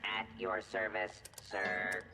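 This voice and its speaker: A man's voice: fairly low pitch, flat delivery, slow, loud music behind the voice. An actor voicing a polite, formal male butler robot in a video game, repeating stiff stock phrases. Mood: courteous. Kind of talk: video game character barks.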